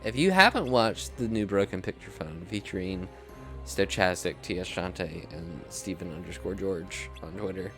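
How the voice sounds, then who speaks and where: A young man gives loose, self-deprecating commentary over a game. His voice is low but moves around a lot in pitch. Faint game music sits in the background. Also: lively intonation, normal speed, a bit bright. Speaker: streamer. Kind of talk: casual gameplay commentary.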